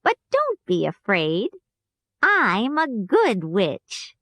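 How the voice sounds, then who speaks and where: A woman voicing a kind good witch for a storybook reading, slow and soothing. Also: medium pitch, wildly swooping pitch, fairly bright tone, no room sound, studio quality, exaggerated voice. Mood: kindly.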